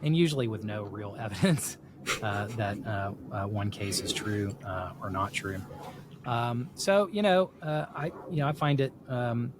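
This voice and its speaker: This casual podcast discussion features a middle-aged man from South Texas whose lowish voice has lively intonation and an unhurried pace. He rambles reflectively through ideas, leaning on "you know," while noise fills the background.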